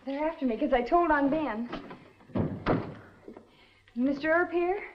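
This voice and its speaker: A woman's voice: sits high, measured pace, very noisy. An actress playing a desperate frontier woman on the run who gives urgent, commanding orders, in a 1950s TV western. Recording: dull lo-fi old TV sound.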